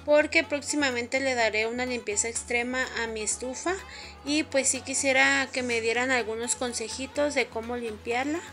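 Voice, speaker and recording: Woman, 30s, high bright voice, casual cleaning vlog, kitchen at home, camera on the counter. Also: fairly even intonation, normal speed, soft background music. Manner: chatty, addresses viewers directly. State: sweaty from cleaning. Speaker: vlogger.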